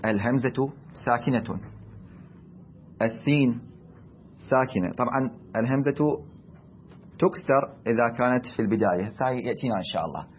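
A man with an Iraqi accent teaches in a classroom. He speaks deliberately at a middle pitch and keeps asking questions that he then answers himself. The recording sounds slightly dull, with a faint noise underneath. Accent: Iraqi Arabic. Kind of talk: classroom lecture.

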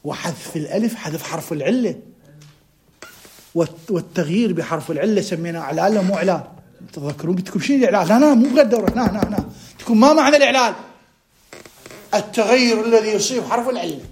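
Fast-talking Iraqi man teaching grammar. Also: sits high, expressive, a little mellow, a little hiss or hum. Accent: Iraqi Arabic. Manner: quizzes students with rapid rhetorical questions. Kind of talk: classroom lecture.

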